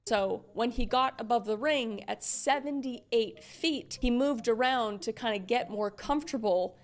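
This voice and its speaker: Woman narrating a video, slightly high. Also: measured pace. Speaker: YouTuber narrator.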